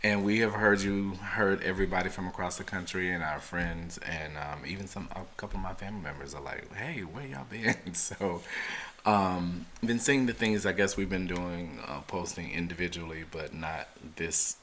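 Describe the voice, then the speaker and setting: A man co-hosting a relaxed podcast, chatty, laughing often and filling gaps with ums. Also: low-pitched, moderate pace, slight background noise. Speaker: co-host. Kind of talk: casual chat.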